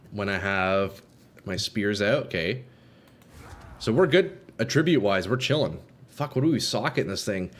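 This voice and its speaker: Casual frat-bro guy live streaming a game. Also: mid-range voice. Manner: frat-bro slang, swearing, addressing viewers as boys, bro, dude.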